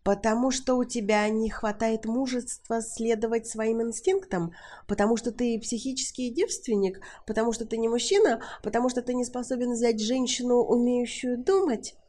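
Woman reading as a pushy, breathy seductress, higher than her own voice, warm and mellow tone, audiobook. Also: normal speed, close to an everyday voice. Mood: taunting.

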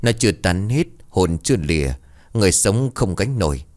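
Stern old ritual master read by a male narrator: low, clipped, grave. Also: sing-song, moderate pace, a little mellow. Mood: stern warning. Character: older man, a stern ritual master who warns.

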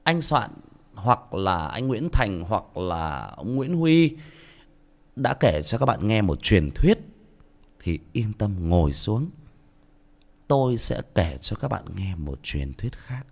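A man's voice: fairly low pitch, big pitch swings, slow, vocal fry. A man with a Northern Vietnamese accent, an audiobook narrator talking bluntly and self-mockingly to his listeners in a casual monologue.

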